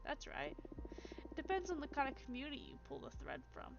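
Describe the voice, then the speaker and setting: Soft shy spider witch, as a woman puts her on. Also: high voice, huge pitch swings, fairly quick, creaky, background noise, heavily acted. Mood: nervous. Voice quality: soft, hesitant. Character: shy nervous young female spider witch. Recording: dull lo-fi stream audio with game music.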